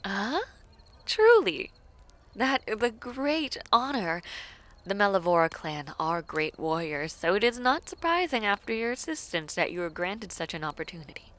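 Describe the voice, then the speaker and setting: A woman performs a fantasy romance audio roleplay as a villainess princess, poised, teasing and affectionate, speaking in courtly, formal phrases with a breathy delivery that often drops to near a whisper. Her mid-range, slightly bright voice swings widely in pitch at a normal speed, and she sounds gracious and sociable.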